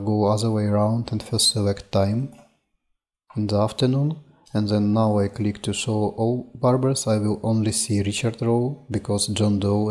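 A man presenting a software demo talks through a screen-recorded tutorial in a slow, flat voice of fairly low pitch. He takes it step by step without hurrying, peppering his speech with "uh" and "um."

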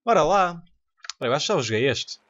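A young man with a European Portuguese accent, commentating a game excitedly, laughing and swearing often. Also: a little high, normal speed, lo-fi sound, a little hiss or hum. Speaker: gaming YouTuber. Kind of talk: let's play commentary.

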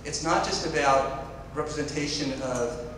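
A man's voice: a little high, normal speed. A man moderating a panel discussion on stage, explaining in long, winding sentences. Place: stage of a large indoor hall with audience. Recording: echoey hall, distant and noisy.

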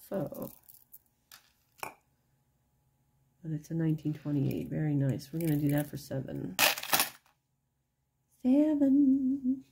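Late at night at home over a wooden table, a middle-aged woman casually shows things off in an unscripted show-and-tell, murmuring and repeating herself. Her deep, croaky, husky voice carries vocal fry, kept quiet and tired so others can sleep, against a noisy background.

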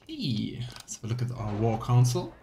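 His pitch swoops wildly in a mellow, mid-range voice at a moderate pace as this thirty-something game streamer provides let's play commentary. Indoors in a small room at home, he murmurs brief remarks to himself and reads game text out loud, over clear background noise and game ambience.

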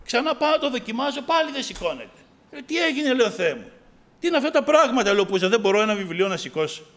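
A man preaching, telling his own conversion story in an emotional sermon that moves between hushed recollection and loud exclamation. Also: high voice, expressive. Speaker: preacher giving testimony. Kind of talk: sermon testimony.

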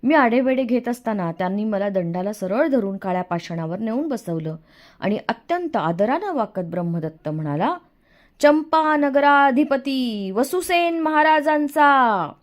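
A woman narrating a novel in the first person, in an expressive storytelling manner. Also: medium pitch, moderate pace. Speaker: audiobook narrator.

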